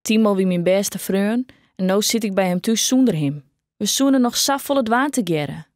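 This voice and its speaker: A gentle teenage boy with a Frisian accent talks softly and openly about his grief, as a woman narrator reads him. The tone is plain and mid-pitched, with a dry, close storybook sound. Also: moderate pace, dry recording, natural voice. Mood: wistful.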